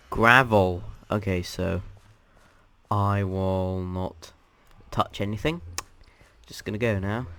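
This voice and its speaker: A man giving casual, sarcastic commentary while showing off a game mod, jumping between dry asides and sudden alarm. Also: on the low side. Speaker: YouTuber showcasing a game mod.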